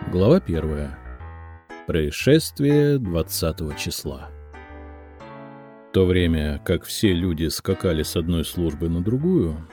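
A man narrates a literary audiobook with a low, dark and mellow voice. His reading is theatrical and swings widely in pitch, recorded close and completely dry. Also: dry recording. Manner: theatrical, lively storytelling. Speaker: audiobook reader.

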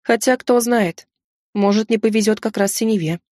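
Female audiobook narrator, first-person fantasy, wry and lively, medium pitch, dry booth. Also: normal speed, dry recording.

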